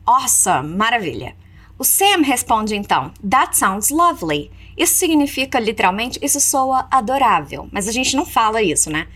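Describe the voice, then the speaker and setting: Lively woman teaching English. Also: a little high. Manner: slows down to model English phrases, then explains in Portuguese. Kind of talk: language lesson with repeat-after-me drills.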